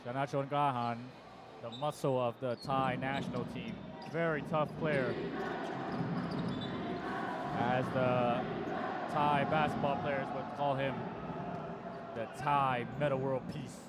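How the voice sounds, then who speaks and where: A man's voice: slow, pauses often. A man from the United States doing play-by-play commentary on a live basketball game, his voice jumping up on big plays. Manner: excited calls that jump in pitch on big plays. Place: basketball arena broadcast booth. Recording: loud arena crowd noise behind.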